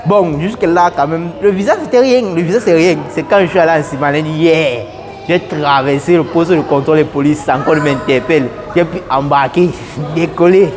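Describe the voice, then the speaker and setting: A young man giving an earnest, casual testimonial at an airport, repeating his phrases and getting animated. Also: a little high, normal speed, crowd noise. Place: airport, indoors.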